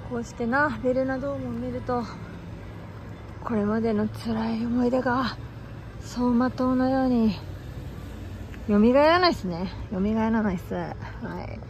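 A woman's voice: on the high side, a little slow, long pauses, darkish tone, slight background noise. A woman vlogger telling stories casually and animatedly, often exclaiming and laughing at herself. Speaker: baseball fan vlogger. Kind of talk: casual storytelling vlog.

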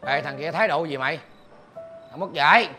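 An actor with a Southern Vietnamese accent playing a gruff, hot-tempered middle-aged father who scolds and curses loudly. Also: a little high, brisk, loud music behind the voice, lightly acted. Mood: furious. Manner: shouting, scolding and cursing. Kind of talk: film acting.

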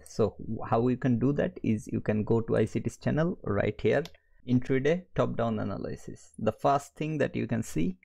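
Bangladeshi guy walking thru a trading lesson, kinda gravelly, dead dry mic, talks direct n checks in a lot. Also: medium pitch, a little mellow, no echo. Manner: direct, repeats "okay" to check in. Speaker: trading educator. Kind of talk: screen-share trading tutorial.

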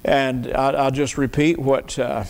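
A man's voice: mid-range voice, little pitch movement, measured pace, vocal fry. An older man preaching an earnest sermon at a church pulpit, asking the congregation questions and often repeating words. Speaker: pastor. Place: church sanctuary, at a wooden pulpit. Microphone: pulpit mic. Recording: long reverb of a church hall.

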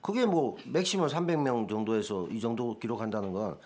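A man co-hosting a casual studio chat, speaking in a steady, promotional way. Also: medium pitch, brisk. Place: small broadcast studio.

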